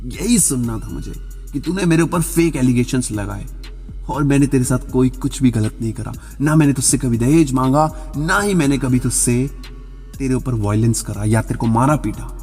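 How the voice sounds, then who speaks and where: A man's voice: medium pitch, lively intonation, normal speed, a little mellow, lightly acted. A man voicing a hurt, betrayed young husband who pleads and bursts out indignantly. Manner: pleading, rising to indignant outbursts. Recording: reverberant voice-over with background music.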